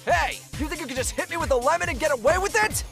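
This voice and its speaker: An actor voicing an indignant little cartoon object in a creaky squawk. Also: male voice, very high-pitched, fast. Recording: music behind.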